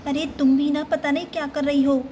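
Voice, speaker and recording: A woman's voice: high voice, little pitch movement, fairly quick, warm tone, a little hiss or hum, close to an everyday voice, low-quality recording. A woman voicing a bossy older sister doll who scolds and hurries the little one, in a doll-play story. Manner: scolding, impatient.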